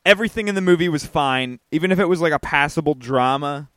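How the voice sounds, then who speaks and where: A man co-hosts a casual movie review podcast, speaking fast with emphasis and repeating his points for effect. His voice is fairly high and fairly bright, and the studio-quality recording has no echo.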